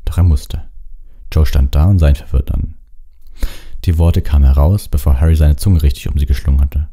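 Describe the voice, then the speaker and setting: A man reading a storybook audiobook aloud, expressive, with occasional slips and restarts. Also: very deep voice, brisk. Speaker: audiobook reader.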